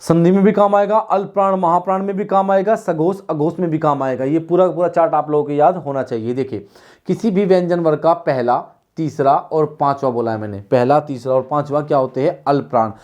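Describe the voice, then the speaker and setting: Male teacher, slightly high voice, drilling students with repeated questions. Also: fairly quick, darkish tone, lo-fi sound. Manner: repetitive, questioning, drills students on sounds aloud. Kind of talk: online exam-prep lesson.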